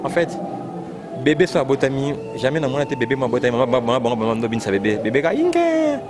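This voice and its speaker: Congolese man talking over loud music. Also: medium pitch, fast talker. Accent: Congolese French. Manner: animated, repetitive, exclaiming. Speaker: fan discussing rumba music. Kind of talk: casual chat mixing French and Lingala. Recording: loud music playing behind.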